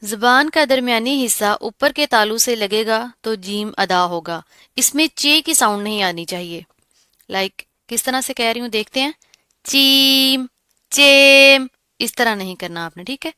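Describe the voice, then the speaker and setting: Explaining sounds one at a time, a Quran recitation teacher follows each explanation by saying the sound slowly and drawn out in a pronunciation lesson. She has a crisp, bright, somewhat high voice, heard in a dry, close recording free of room sound.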